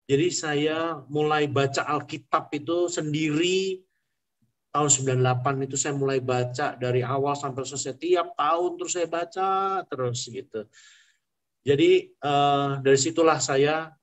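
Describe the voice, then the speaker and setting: Man, forties, pilot sharing testimony, earnest storytelling, somewhat high voice. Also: a bit bright. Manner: earnest storytelling, mixing in English phrases. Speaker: airline pilot giving testimony. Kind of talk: personal testimony, conversational.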